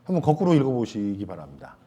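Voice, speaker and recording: A male pastor giving a Sunday sermon in a church, talking casually and joking with the congregation, with many soft fillers and trailing pauses. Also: mid-range voice, sing-song. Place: church sanctuary.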